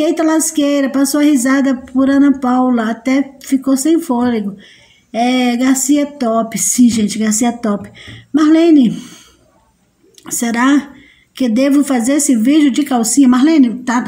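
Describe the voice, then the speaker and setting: A Brazilian woman hosts a relaxed live stream, greeting viewers by name and dissolving into giggles. Her voice sits high yet sounds mellow and soft rather than bright. She talks in a loose, chatty way. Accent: Brazilian Portuguese. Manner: giggly, bursts into laughter often; sweet high baby-talk to a pet.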